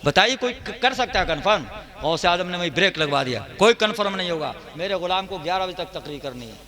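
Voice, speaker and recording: A man preaching at a religious gathering, switching between loud, drawn-out chanted verses and conversational storytelling. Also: sits high, lively intonation, a crowd in the background. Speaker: Islamic preacher. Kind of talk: sermon with storytelling.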